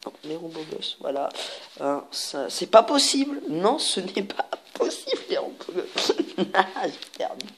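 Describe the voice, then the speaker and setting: A woman's voice: sits low, sing-song, measured pace, slight background noise. A woman playing an online party card game on her channel, reading the cards aloud, laughing often and cracking crude jokes. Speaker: gamer, video host. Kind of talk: let's play commentary.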